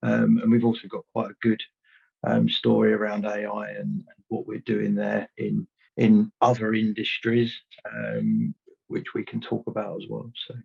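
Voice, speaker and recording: A man's voice: on the low side, normal speed, gravelly, slightly rough. A man introducing himself as a panelist, hedging with many ums, on muffled call audio.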